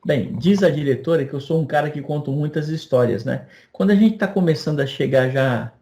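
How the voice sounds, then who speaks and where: A man's voice: fairly high pitch, a little fast, warm tone. An older man from Brazil, telling a long story in a class. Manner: anecdotal, chatty, acts out dialogue. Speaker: teacher.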